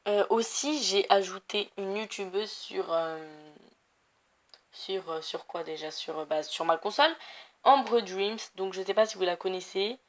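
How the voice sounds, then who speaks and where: A young gaming YouTuber with a Portuguese family background chats casually while playing a video game, rambling with lots of fillers and self-corrections. Her voice is mid-range and a little slow.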